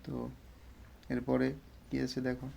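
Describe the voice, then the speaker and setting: A man teaching Quran reading with a Bangladeshi Bengali accent, taking it slowly and patiently. He drills each syllable and combines them step by step. His voice sits at a middling pitch, and he keeps pausing to ask whether the learners have understood. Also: monotone, gravelly, warm tone. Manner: slow syllable-by-syllable drilling, repeated check-in questions. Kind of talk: patient spelling-out lesson.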